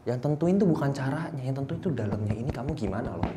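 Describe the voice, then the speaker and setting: Young male preacher, lively and theatrical, switching to English lines, faint noise behind. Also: mid-range voice, quick pace. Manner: animated, mixes English phrases, acts out voices, often rises to near shouting. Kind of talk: lively sermon. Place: church hall.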